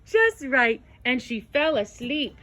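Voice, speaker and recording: A woman reads a children's storybook with lively animation, full of dramatic exclamations and gasps. Her high voice swoops widely in a sing-song way, slow and unhurried, with a bright, clear tone.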